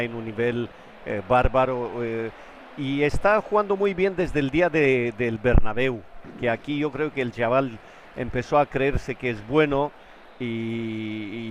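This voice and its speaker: A man's voice: mid-range voice, measured pace. Male football pundit over noisy ambience. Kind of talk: live match analysis. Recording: noisy outdoor stadium ambience.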